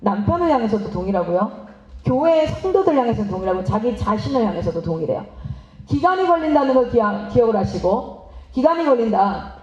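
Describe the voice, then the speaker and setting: A woman missionary giving a lively seminar talk, asking the audience questions and acting out parents and children. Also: fairly high pitch, brisk. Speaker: missionary speaking at a teachers' seminar. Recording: roomy, slightly dull hall recording.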